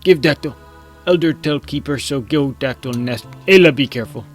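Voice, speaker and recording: A man's voice: fairly high pitch, moderate pace, soft background music, lightly acted. A man voicing blunt prehistoric cave-dwellers from a video game in a dopey, bellowing voice and broken speech. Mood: urgent, forceful. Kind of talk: reading game dialogue aloud in character.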